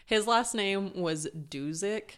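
A young woman co-hosting a casual podcast chat, chatty and reflective, quick to laugh. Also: medium pitch, fairly bright tone, clear, resonant tone. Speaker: podcast co-host.

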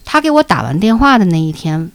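Lively Northeastern Chinese woman spinning ghost tales. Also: fairly low pitch, brisk, soft background music. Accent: Northeastern Mandarin. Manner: animated, earthy, swears freely, acts out voices and sound effects. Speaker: podcast co-host. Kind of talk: ghost story telling in a casual chat.

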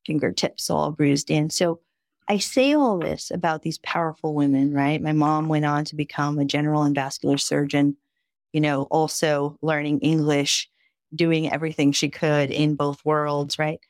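A physician in her fifties from the Dominican Republic, whose first language is Spanish, is a guest on a relaxed podcast, telling personal family stories. Her fairly low voice sounds dry, with no echo. She's a lively, vivid storyteller who often checks in with a quick "right?"

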